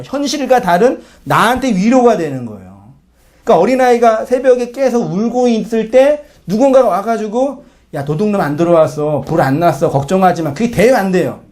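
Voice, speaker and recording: The male pastor's voice sits high with a darkish tone as he preaches a sermon in a conversational style. He keeps questioning the congregation and voices short quoted lines in changing voices.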